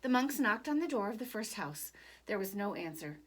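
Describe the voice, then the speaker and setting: A woman narrating a picture book for children at storytime, deliberate and expressive, pausing between phrases. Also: mid-range voice, noisy background.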